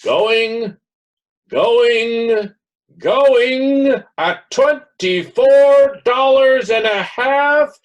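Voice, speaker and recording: A man playing an excitable horse auctioneer in a hammy theatrical reading, calling out bids in drawn-out shouts. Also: very high-pitched, pitched above the performer's own voice. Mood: excited, loud.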